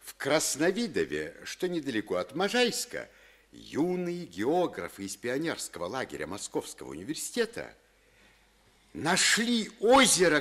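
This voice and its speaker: An animated radio-play captain. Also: male voice, a little high, heavily acted. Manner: expressive storytelling read-aloud. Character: captain reading a letter aloud, then shouting orders.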